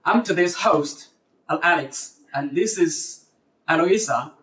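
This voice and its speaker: Male lecture host, slightly high voice, halting delivery with self-corrections, echoey and distant from the mic. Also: fairly bright tone. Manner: hesitant, with fillers and self-corrections. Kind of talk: presenting a live university recruitment lecture. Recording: roomy sound from far off the mic.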